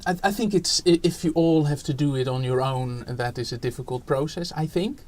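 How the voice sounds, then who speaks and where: On a podcast, a Dutch-accented education researcher in his forties from the Netherlands responds to interview questions in a considered way, often using fillers and starting over. His pitch is fairly high, his pace fairly quick, and his tone darkish.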